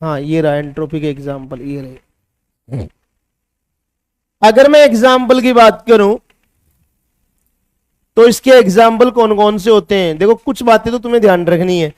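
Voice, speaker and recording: A man's voice: high voice, measured pace, long pauses, smooth, dry recording. A male chemistry teacher with a Hindi accent, giving a classroom lecture that mixes English science terms into Hindi and asks his students questions before answering them himself.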